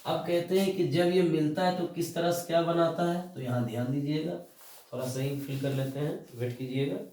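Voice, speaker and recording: A man teaching biology, dictating notes and repeating key terms slowly while asking and answering his own questions. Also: on the high side, steady tone, mellow, a little hiss or hum. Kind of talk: classroom lecture, dictating notes. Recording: echoey room, mic at a distance.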